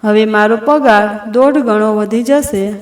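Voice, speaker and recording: A woman's voice: on the high side, far from the mic. A woman voicing a cheerful young working husband and son, in a roomy recording. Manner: cheerful, hurried. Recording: roomy echo.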